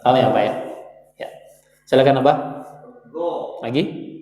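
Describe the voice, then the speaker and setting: A man's voice: a little high, normal speed, darkish tone. A man with an Indonesian accent teaching Quran pronunciation in a prayer room, patiently demonstrating letter sounds over and over. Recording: echoey hall, mic at a distance.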